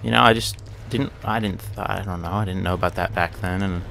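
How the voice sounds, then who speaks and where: A man's voice: deep voice, steady tone, fairly quick, creaky, background noise. A young man casually narrating a horror game as he plays, rambling, swearing and muttering to himself, with yelps and curses when something jumps out at him. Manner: yelps and curses at jump scares. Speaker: gaming channel host. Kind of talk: let's play commentary.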